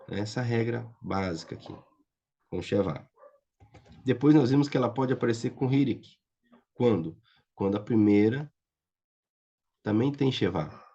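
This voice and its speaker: Patient Brazilian teacher, muffled mellow voice. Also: male voice, medium pitch. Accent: Brazilian Portuguese. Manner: patient, checks understanding often with "tá?" and "certo?". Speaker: Biblical Hebrew teacher. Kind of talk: online class lecture. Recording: muffled lo-fi audio.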